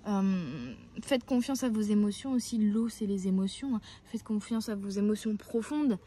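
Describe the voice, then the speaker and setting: A woman giving weekly oracle card guidance outdoors, gentle and reassuring, often pausing to search for her words. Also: medium pitch, animated, slightly rough. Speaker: tarot and oracle card reader. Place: outdoors, near a tree.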